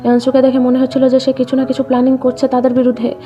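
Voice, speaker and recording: A woman narrating a drama recap in a scripted storytelling read, voicing the quoted lines in her same even narrating voice. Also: sits high, rapid-fire. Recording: dull lo-fi voice-over with background music.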